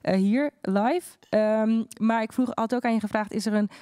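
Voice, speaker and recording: A woman's voice: on the high side, steady tone, moderate pace, warm tone, clean tone, no echo, clean studio sound. A woman interviewing guests on stage, speaking hesitantly with many fillers.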